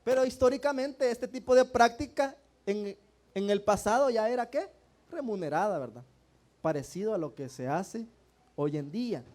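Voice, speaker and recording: A man's voice: sits high, lively intonation, normal speed, a little mellow. A man preaching a sermon in church, often turning to his congregation with questions and calling them brothers. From El Salvador.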